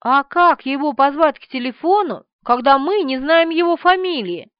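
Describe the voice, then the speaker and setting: A woman's voice: sits high, lively intonation, normal speed, no room sound. A woman voicing a keen police lieutenant who blurts out suggestions. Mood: eager. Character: eager police lieutenant, quick with ideas. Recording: dull lo-fi audiobook recording.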